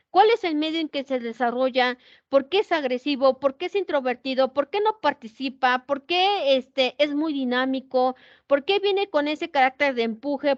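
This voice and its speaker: Woman, pedagogy teacher; animated lecture full of rhetorical questions; high-pitched, muffled lo-fi sound. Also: dry recording. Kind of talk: lecture with anecdotes. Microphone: video call setup. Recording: dull, dry lo-fi sound.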